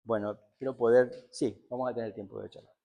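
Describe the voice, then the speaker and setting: A man's voice: medium pitch, fairly even intonation, fairly quick, creaky, dark tone. A man giving a seminar lecture on psychoanalysis, thinking aloud with many fillers and repeated tag questions.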